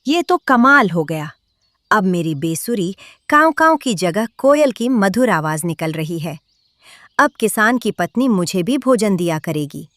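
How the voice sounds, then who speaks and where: A woman's voice: mid-range voice, very animated, unhurried, a bit bright, no room sound, studio quality. Woman voicing an insistent, swooping cartoon crow. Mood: gloating. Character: hungry, envious, scheming male crow. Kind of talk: children's cartoon story acting.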